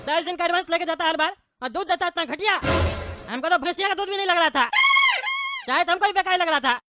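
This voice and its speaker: A woman in a comic sketch, loudly scolding and shouting. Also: very high voice, quick pace, loud music behind the voice. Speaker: comedy sketch actor.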